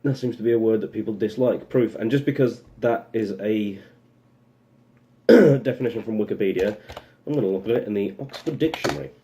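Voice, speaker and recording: A man's voice: on the low side, a little fast, warm tone, a little hiss or hum. Rambling sarcastic young man. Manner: rambling, sarcastic, full of self-interrupting asides. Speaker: vlogger. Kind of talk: casual opinion monologue.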